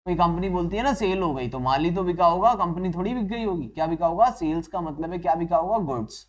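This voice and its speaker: A fast, expressive man with a high-pitched voice gives a classroom-style accounting lecture. Calling his students children, he quizzes them, supplies the answers himself, and drops in English terms along the way.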